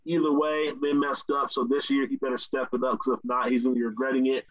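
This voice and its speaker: A man's voice: medium pitch, flat delivery, fast. A man hosting casual sports talk in an easygoing, chatty way. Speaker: show host. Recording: dull lo-fi recording.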